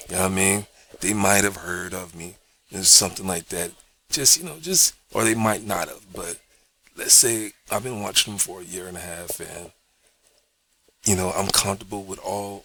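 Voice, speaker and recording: A man with a fairly low, bright, forceful voice talks in a loose, rambling vlog monologue. He curses freely and keeps checking in with his listener. A faint hiss of noise sits behind him. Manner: profane, rambling, frequent "you know what I mean". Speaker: vlogger.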